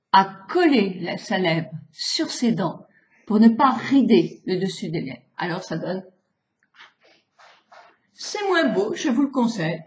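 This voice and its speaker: A French beautician in her sixties giving a chatty, demonstrative face-exercise lesson, stretching out vowel sounds as she goes. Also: fairly high pitch. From France. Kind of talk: casual face-exercise tutorial. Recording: roomy, slightly dull home video.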